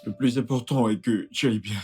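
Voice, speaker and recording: A woman dubbing a calm, protective man who soothes and gives firm orders. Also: extremely low pitch, fairly quick, faint music behind. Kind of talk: dubbed film acting.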